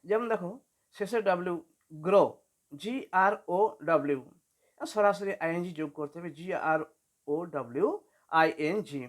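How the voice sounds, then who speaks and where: A woman's voice: on the low side, normal speed, long pauses. A woman teaching an English spelling lesson for beginners, patiently spelling words out letter by letter.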